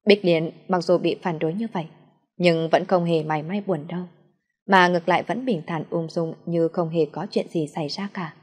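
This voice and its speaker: A woman narrating a family story in a calm, measured reading. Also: on the low side, slightly rough, long reverb tail.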